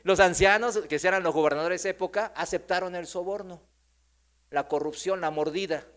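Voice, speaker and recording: A male pastor with a Mexican accent, preaching in church. He tells a story in a folksy, conversational way and keeps asking his listeners questions. His voice sits high for a man. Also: fairly quick, fairly bright tone. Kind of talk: sermon.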